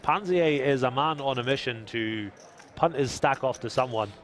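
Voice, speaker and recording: A man's voice: mid-range voice, moderate pace. A male poker commentator on a live stream. He trades jokes with his co-host and reads viewer chat aloud between hands.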